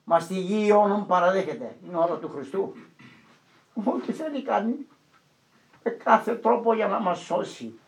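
A man's voice: high-pitched, animated, gravelly, poor audio. An older man, a priest, preaching and telling a story with acted-out quotes. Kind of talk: sermon.

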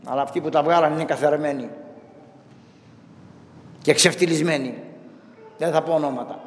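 A man preaching a sermon, retelling saints' stories and voicing their lines slowly. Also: fairly high pitch. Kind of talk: sermon storytelling. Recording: echoey hall.

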